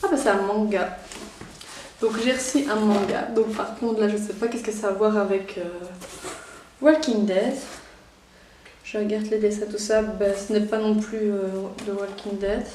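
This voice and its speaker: A woman's voice: mid-range voice, normal speed, slight background noise. Young Belgian woman vlogger, Belgian French accent, eager and rambling, distant mic, roomy echo. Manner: chatty and excitable, many fillers. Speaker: YouTuber. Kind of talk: casual unboxing vlog. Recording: echoey room, voice somewhat off-mic.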